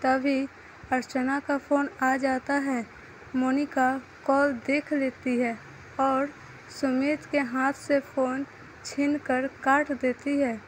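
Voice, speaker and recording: A woman narrating a romance story in a steady, plain storytelling manner, then asking listeners to subscribe. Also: high voice, takes it slowly, slight background noise, rough recording. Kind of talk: read-aloud story narration.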